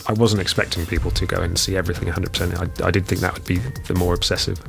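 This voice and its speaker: A man's voice: low voice, little pitch movement, very fast, vocal fry, a bit bright, soft background music. A man, a guest game designer, chatting thoughtfully on a podcast with many fillers and restarts. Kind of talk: casual podcast chat.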